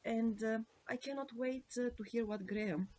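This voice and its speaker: A woman hosting a podcast, introducing the show and her guest in a measured way with many hesitant fillers. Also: on the high side, darkish tone, a little hiss or hum, poor audio. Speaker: podcast host.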